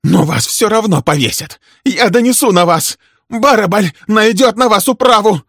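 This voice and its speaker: A man voicing a hysterical, furious woman who shrieks accusations, his voice pushed very high and loud. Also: lively intonation, moderate pace, breathy edge, no room sound, studio quality, full character voice. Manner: screaming, shrill.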